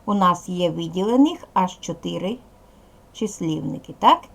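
Female primary teacher, gravelly edge, patient question-and-answer manner for young kids. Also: on the low side, animated, moderate pace. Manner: patient, asks pupils questions and answers them herself. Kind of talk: video lesson for young pupils.

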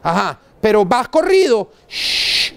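A man with a Venezuelan Spanish accent gives a live dental lecture in a university lecture hall, speaking at normal speed in a very high voice with big swings in pitch. He's blunt and slangy, and he quizzes the audience as he goes.

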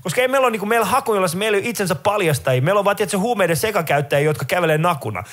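A middle-aged Finnish man tells a stand-up set, lively and chatty. His voice sits a little high for a man. He leaps up in pitch whenever he acts out someone in his stories. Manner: animated storytelling, jumps into high voices for characters. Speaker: stand-up comedian.

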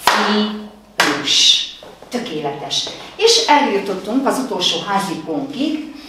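A woman teaching first graders in a remote lesson, speaking slowly and encouragingly, praising the children often. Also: deep voice, big pitch swings. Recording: very echoey room, voice far from the mic, faint noise.

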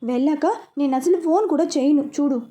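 A woman's voice: sits high, a little fast, mellow, close to an everyday voice. A woman voicing a sulky, dramatic young woman who pleads and whines like a child, in a storybook reading. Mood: whiny.

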